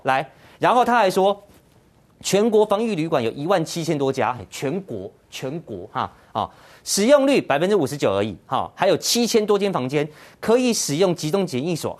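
A man hosts a political commentary show in Mandarin with a Taiwanese accent. His delivery is sarcastic and combative, full of mocking rhetorical questions. His pitch swings widely and lively from phrase to phrase. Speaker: political talk show host.

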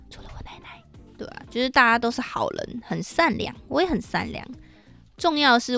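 A woman hosting an unscripted solo podcast, talking bluntly and swearing freely and casually. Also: medium pitch. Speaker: podcast host. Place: at home, rain on an awning outside.

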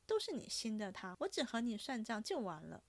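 A woman voicing a sharp-tongued, jealous young noblewoman who runs the household, speaking in a teasing, probing, commanding way. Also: on the high side, very animated, fairly quick, no echo.

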